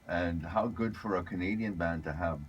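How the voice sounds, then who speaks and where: A man hosts a radio chat, his voice very deep. The sound is a little dull, with a faint hiss underneath. He sounds chatty and easy, using local slang. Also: moderate pace. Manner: chatty, laughs along, uses local slang. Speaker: radio host. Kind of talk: casual radio interview.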